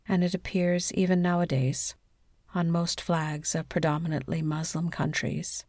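A woman narrating a scripted sleep story in a soothing, measured bedtime delivery. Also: low-pitched, dry recording, clean studio sound.

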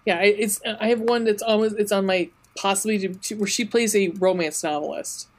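A woman co-hosting a casual podcast, her voice sitting at an ordinary middle pitch. She rambles through restarts, gushes freely and swears often. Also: steady tone, brisk. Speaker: podcast co-host. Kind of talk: casual chat.

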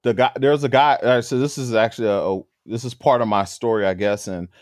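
Man in his 40s, podcast guest, lively raconteur who acts out his stories, mid-pitched voice, dry sound. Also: fairly quick, no echo. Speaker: guest powerlifter. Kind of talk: casual podcast storytelling.

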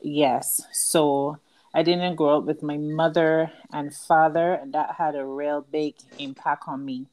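A woman's voice: low-pitched, fairly even intonation, unhurried, darkish tone. A woman with a Barbadian accent, a book author telling her life story earnestly as a guest in an interview. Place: outdoors at night with crickets. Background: crickets.

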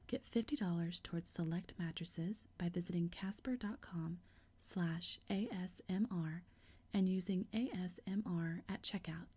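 A woman reading a sponsor message in a soft, even whisper for an ASMR video. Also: lowish voice, measured pace, breathy edge. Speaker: sponsor read for an ASMR channel. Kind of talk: whispered ad read.

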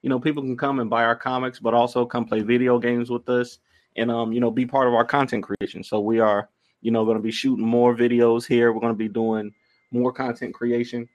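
A man's voice: medium pitch, flat delivery, brisk. A man co-hosting a podcast in casual conversation. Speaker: podcast co-host, comic creator. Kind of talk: casual chat.

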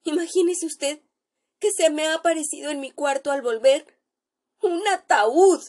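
A woman doing a young male doctor scared out of his wits, his voice pitched high and quavering. He blurts panicked, pleading lines in a spoken ghost story, breathless and trembling. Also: measured pace, a little mellow.

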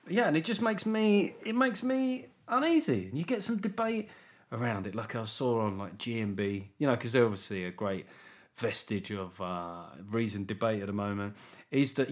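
A man hosting a solo comic podcast, talking in a sarcastic, rambling, self-mocking way. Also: mid-range voice. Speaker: comedian and podcast host.

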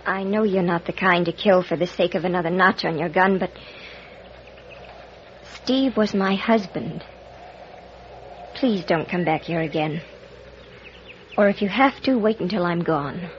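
A woman's voice: on the low side, unhurried, pauses often, lightly acted. A woman playing a proud, guarded, weary widow of an outlaw in a 1950s radio Western. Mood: pained, weary. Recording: dull, noisy old radio recording.

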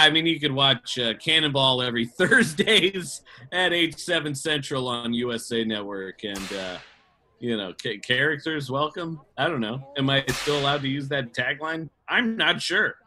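A man's voice: a little high, unhurried, pushed and bright, slight background noise. A man improvising at a mock press conference, ranting and swearing in a jokey way. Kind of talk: improv comedy.

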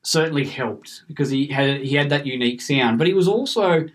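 An Australian man co-hosting a casual cricket podcast, talking in a rambling, animated way and laughing often. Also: mid-range voice, fairly quick. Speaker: podcast co-host. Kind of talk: casual chat.

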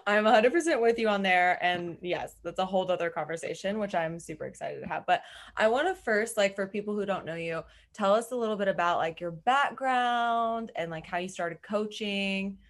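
A woman's voice: mid-range voice, moderate pace. A woman hosting a casual faith-based interview, enthusiastic and bubbly, often saying "like". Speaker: podcast host.

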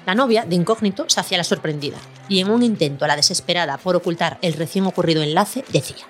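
A woman's voice: lowish voice, slight background noise. Woman narrating a documentary podcast. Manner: measured, storytelling delivery. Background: faint music.

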